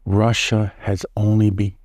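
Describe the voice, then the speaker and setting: Middle-aged guy from the us, lowish dark voice, stops and restarts a lot, dry close sound. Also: flat delivery, no room sound. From United States. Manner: halting, with many restarts and repeated words. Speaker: interview guest. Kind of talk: casual interview answers.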